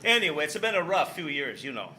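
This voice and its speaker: A man's voice: a little high, big pitch swings, fast, noisy background. A man playing a cheerful Italian immigrant bandleader, speaking in a put-on Italian accent with broken English and rambling stories. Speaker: band leader.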